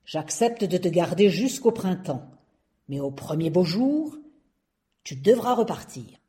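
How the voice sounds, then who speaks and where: A woman voicing a huge old rock with a gruff, deep manner in a storybook reading. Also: big pitch swings, a little slow, dark tone.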